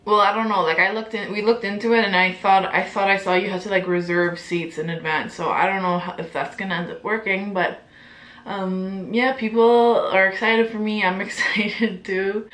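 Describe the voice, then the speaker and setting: A woman's voice: mid-range voice, steady tone, normal speed, fairly bright tone. A young woman in her twenties chatting casually to camera as a vlogger, giggly and full of filler words and swearing. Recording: echoey room.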